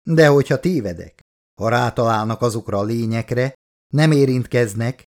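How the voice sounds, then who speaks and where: In an audiobook, a man with a natural, mid-range voice reads the part of a haughty, wealthy woman leading an expedition, delivering her lines in a cool, superior, clipped way.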